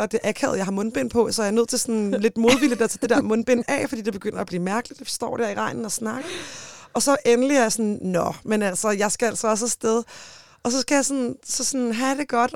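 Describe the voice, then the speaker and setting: A young woman telling a personal story in lively bursts as a podcast guest, full of fillers and quick asides. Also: fairly high pitch, vocal fry, no echo, clean studio sound. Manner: lively, talks in fast bursts with frequent fillers. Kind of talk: animated storytelling in conversation.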